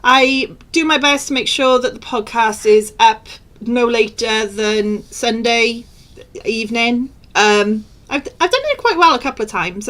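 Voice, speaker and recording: Chatty woman co-host, on the high side, casual and lively. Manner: chatty, lively, quick asides. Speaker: podcast co-host. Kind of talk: casual chat.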